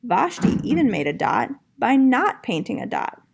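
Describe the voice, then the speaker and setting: A woman's voice: fairly high pitch, very animated, moderate pace, creaky, breathy edge. A woman, an elementary art teacher, speaking encouragingly to young children in a storybook read-aloud style.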